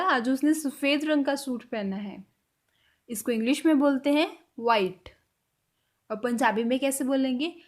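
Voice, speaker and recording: A woman with a high, light voice gives a spoken language lesson. She says each example phrase slowly and with care, then lets her voice sink quietly as she wraps up each point. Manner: drops to a quiet close at the end of each point. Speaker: language teacher.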